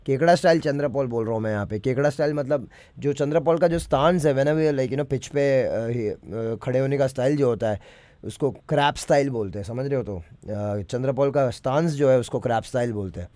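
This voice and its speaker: A man's voice: medium pitch, a little fast, mellow, no room sound. A man, breaking down his own rap lyrics in a casual way and often checking that the listener follows. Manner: keeps checking the listener understands, mixes English phrases into Hindi. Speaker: rapper explaining his lyrics.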